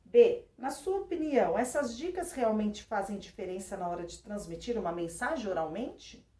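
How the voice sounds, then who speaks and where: A woman's voice: medium pitch, expressive, normal speed, warm tone. Woman teacher, roomy and distant. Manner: explains patiently, often checking in with tag questions. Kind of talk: remote class lesson reading from a textbook. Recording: roomy sound, voice away from the mic.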